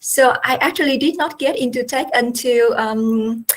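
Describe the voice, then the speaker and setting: Casting: young woman from Vietnam, fairly high voice, halting panel talk. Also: rough recording. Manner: hesitant, many fillers.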